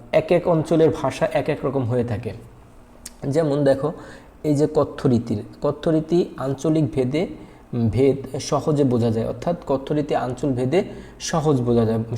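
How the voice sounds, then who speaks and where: A man's voice: medium pitch, mellow. A male teacher giving a whiteboard grammar lesson, patient and repetitive, asking and answering his own questions with many hesitation fillers.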